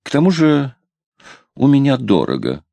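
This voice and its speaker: A man's voice: mid-range voice, wildly swooping pitch, normal speed, creaky, warm tone, no echo, voice pushed up. A man reading an audiobook, voicing a coy, stubborn young woman. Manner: hesitant, teasing.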